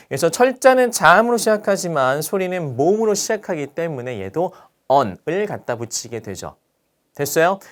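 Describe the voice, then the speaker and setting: Male grammar teacher, lecture delivery, lively pitch, keeps asking the class if they follow. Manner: lively teacher asking rhetorical questions and checking in often.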